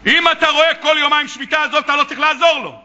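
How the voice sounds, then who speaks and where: High, bright-voiced man preaching a sermon. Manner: animated storytelling with acted quotes and questions to the audience. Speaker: rabbi. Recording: muffled lo-fi recording.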